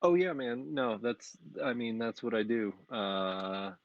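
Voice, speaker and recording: A man's voice: mid-range voice, lively intonation, takes it slowly. A man playing a tabletop game, rambling with lots of fillers in casual chat. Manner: rambling, lots of likes and ums. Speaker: player. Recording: dull lo-fi mic.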